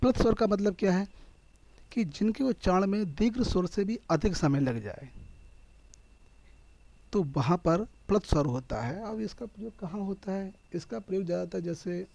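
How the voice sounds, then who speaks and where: A man's voice: high voice, normal speed, creaky, mellow, no room sound. A man with a Hindi accent teaching an exam-prep lesson, explaining step by step and answering his own questions.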